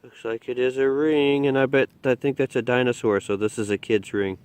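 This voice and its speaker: A man's voice: mid-range voice, fairly even intonation, brisk, a little mellow, clear, resonant tone. A man vlogging his metal detecting finds, chatting casually and thinking aloud as he digs outdoors in a muddy field. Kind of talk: casual outdoor narration while digging.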